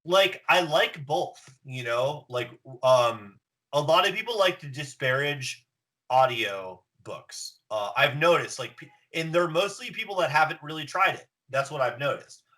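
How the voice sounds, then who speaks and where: A man's voice: fairly high pitch, expressive, unhurried, pushed and bright. A man chatting casually on a podcast in a blunt, slangy, sweary way. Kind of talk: casual chat.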